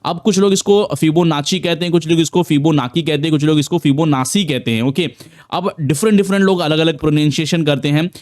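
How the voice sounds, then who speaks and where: A man's voice: fairly high pitch, fast, a little mellow, dry recording, studio quality. A man giving a casual, repetitive screen-share trading tutorial, full of fillers and restarts. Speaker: trading educator.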